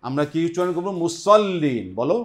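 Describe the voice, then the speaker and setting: A man's voice: on the high side, expressive, quick pace, heavy background noise. A man with a Bengali accent hosting a televised Quran lesson, patiently modeling pronunciation and having the class repeat after him. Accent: Bangladeshi Bengali. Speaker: Quran recitation teacher and host. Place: television studio.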